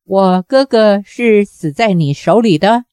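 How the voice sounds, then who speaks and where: A woman's voice: mid-range voice, animated, slow, clean tone, no room sound, studio quality. A woman voicing a bitter, vengeful old woman who berates and demands revenge in a raised voice. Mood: fierce. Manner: shouting harsh reproaches.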